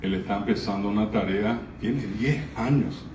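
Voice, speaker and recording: A man's voice: on the low side, normal speed. A middle-aged man gives an informal public speech at a cultural event, greeting people and often hesitating. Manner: warm greetings with frequent hesitations. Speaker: guest speaker at a cultural event. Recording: echoey room, distant mic, dull and noisy.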